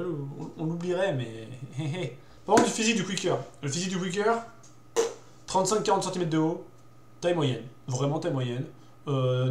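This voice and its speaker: A man's voice: a little high, slight background noise. A young man explaining in casual, hesitant talk as a show host, with many fillers, repeated words and youthful slang. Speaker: host presenting dog breeds. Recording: roomy echo.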